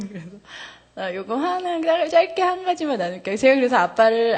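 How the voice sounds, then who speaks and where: A woman in her thirties giving a testimony to a congregation, candid and animated, laughing often, her voice jumping high when she gets excited. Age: 30s. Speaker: church member giving testimony.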